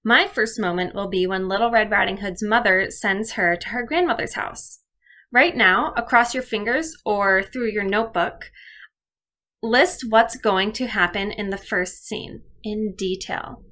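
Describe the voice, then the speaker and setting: Measured and sharp-toned, this medium-pitched woman's voice guides children through a video lesson as their elementary teacher. She addresses the pupils directly and lays out each step clearly.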